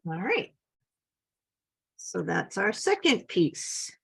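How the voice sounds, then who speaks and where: A woman's voice: mid-range voice, sing-song, slow pace, creaky, breathy edge. Chatty woman teaching a scrapbook craft. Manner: chatty, enthusiastic, frequent little laughs. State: slight cough. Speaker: scrapbooking instructor. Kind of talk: casual craft tutorial.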